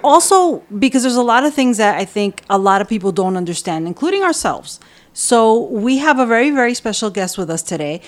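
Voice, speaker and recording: A woman's voice: on the high side, very animated, fairly quick. A woman hosting a podcast interview, introducing the subject and putting questions to a guest. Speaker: podcast host.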